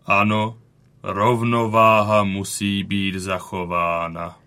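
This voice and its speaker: A man voicing a wounded old male bison from a cave painting in a children's audio story. He speaks slowly, with weary dignity. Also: lowish voice, steady tone, pushed and bright. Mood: weary, proud. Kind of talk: audiobook character reading.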